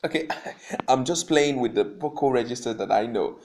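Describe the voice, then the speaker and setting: Speaking briskly in a medium-pitched, slightly mellow voice, a male vocal coach walks seated singers through breathing drills in a spoken lesson. He repeats his instructions and keeps asking "okay?" to check in. A little hiss or hum is audible.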